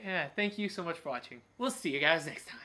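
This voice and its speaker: A man's voice: fairly high pitch, expressive, brisk, sharp tone. A man in his twenties hosting a let's play, chatting casually in a jokey, exclaiming way. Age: 20s. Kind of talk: casual gaming commentary with a co-host. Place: small living room, indoors on a couch.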